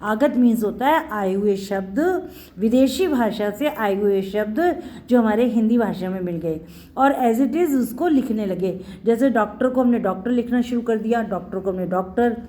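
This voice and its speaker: A woman's voice: a little high, mellow. A middle-aged woman teaching a Hindi spelling lesson to children, patient and repetitive, often calling her pupils "beta".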